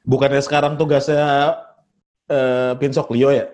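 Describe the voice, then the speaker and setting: A man's voice: medium pitch, little pitch movement, measured pace, darkish tone, slight background noise. A man with in a casual podcast chat, teasing his friends and running a quiz with clues. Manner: joking, teasing, quizzes with clues.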